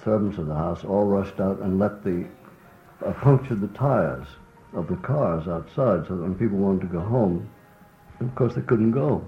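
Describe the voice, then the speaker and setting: A low-voiced man heard from old worn tape, recounting a story at an unhurried pace with wry asides. The sound is dull and lo-fi, with faint music underneath. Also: animated. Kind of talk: recounting an anecdote.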